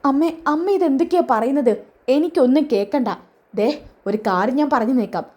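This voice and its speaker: A woman voicing a scheming, sharp-tongued middle-aged mother who mutters snide asides, in a retold serial story. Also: high voice, expressive, fairly quick. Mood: defiant.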